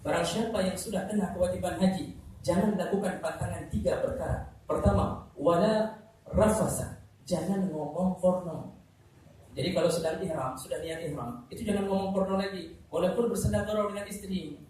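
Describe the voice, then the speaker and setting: A man's voice: sits high, normal speed. Preacher man in a very echoey hall. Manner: lively, humorous, asks the audience questions. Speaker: Islamic preacher. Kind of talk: sermon to pilgrims. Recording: very echoey hall, distant mic, faint noise.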